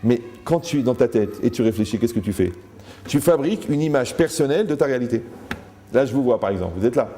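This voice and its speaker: A man's voice: mid-range voice, lively intonation, fast talker, warm tone. A man giving a Torah lecture to a live audience, joking, asking the room questions and acting out the people he quotes.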